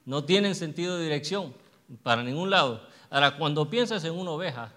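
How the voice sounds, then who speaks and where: A man preaching a sermon in a church. He asks the congregation questions, answers them himself, and slows down to stress the verses. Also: fairly high pitch, expressive, a bit bright. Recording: long hall reverb.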